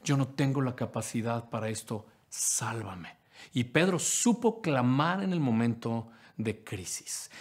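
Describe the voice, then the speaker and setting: A male pastor preaching a sermon. He speaks straight to the listener with questions and swings from loud, lively lines to hushed ones. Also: a little high, husky. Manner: dramatic, acts out quotes in swings from loud to hushed; addresses listener directly with questions.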